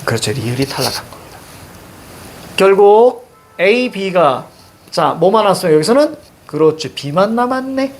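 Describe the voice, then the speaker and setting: A man's voice: high voice, big pitch swings, measured pace, slight background noise. A male teacher giving a classroom grammar lesson, questioning students and repeating key words.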